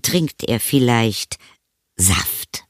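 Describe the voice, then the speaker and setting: A woman's voice: rumbling low, animated, extremely slow, dry recording, studio quality, full character voice. A woman reading a storybook aloud and voicing a worried, suspicious mother who keeps asking questions. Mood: suspicious, probing. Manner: probing, suspicious.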